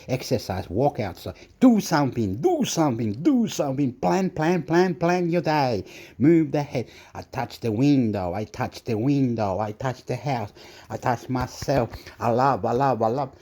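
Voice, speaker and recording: Chilean-accented man, home cooking vlog, mellow voice, rambling, mixes in Spanish. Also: mid-range voice. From southern Chile. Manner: rambling, switches between English and Spanish. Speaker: cooking vlogger. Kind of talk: casual cooking vlog with pep talk. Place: home kitchen.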